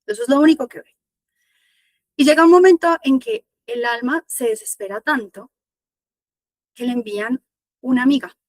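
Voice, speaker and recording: A woman spiritual teacher telling a parable in an online masterclass, slow and reflective, repeating phrases for emphasis. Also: sits high, no room sound.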